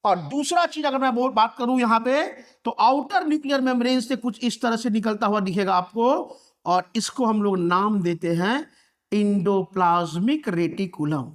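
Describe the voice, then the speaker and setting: A man's voice: sits high, moderate pace. A male biology teacher lecturing at a board. He keeps asking questions and repeating each term so the class can echo it back. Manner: repeats key terms and asks the class to echo them back.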